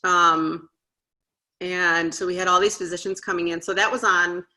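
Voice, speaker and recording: Thirtysomething woman, lowish voice, bright and forceful, chatty guest telling her story, acts out the convos, lots of "like". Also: steady tone, moderate pace. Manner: chatty, with frequent "like" and "you know"; earnest, re-enacts conversations. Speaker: guest parent. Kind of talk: casual storytelling interview.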